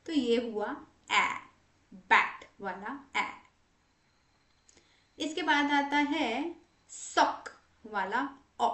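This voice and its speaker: A woman with an Indian accent teaching English pronunciation, patiently drawing out each sound. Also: high voice. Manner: slow, patient, demonstrates sounds by drawing them out. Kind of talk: relaxed explanatory lesson. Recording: echoey room.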